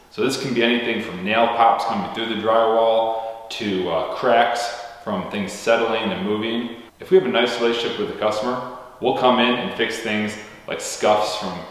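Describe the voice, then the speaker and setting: Male builder-host, mid pitch, upbeat explainer, recorded on a camera mic in a bare room with a heavy cave-like echo and long reverb. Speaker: custom home builder. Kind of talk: walkthrough vlog explaining construction. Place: empty, freshly painted house indoors. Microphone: camera-mounted mic.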